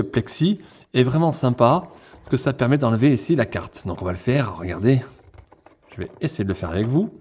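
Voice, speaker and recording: A man's voice: medium pitch, dark tone, slight background noise. A man hosting a toy unboxing in a casual, chatty way, talking straight to his viewers as friends.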